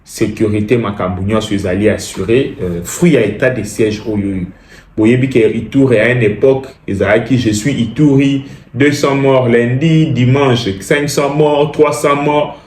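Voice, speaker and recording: A man's voice: medium pitch, moderate pace, a little mellow, roomy sound, slight background noise. A Congolese man commenting emphatically, repeating phrases and switching between languages. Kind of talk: impassioned spoken commentary.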